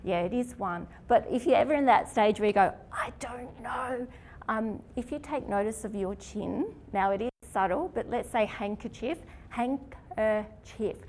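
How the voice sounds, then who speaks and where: A woman's voice: mid-range voice, animated, moderate pace, hardly any pauses, a little mellow, a little hiss or hum. A woman leading an informal literacy workshop. She keeps asking her audience questions and checking in with "okay?". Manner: chatty, asks the audience questions; lots of "okay?" and "isn't it?" checks. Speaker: literacy teacher.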